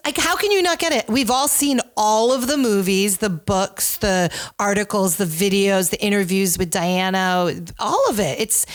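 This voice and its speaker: A woman podcast host, chatting and telling a long anecdote in an animated way, with many quick restarts. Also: mid-range voice. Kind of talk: casual chat, storytelling.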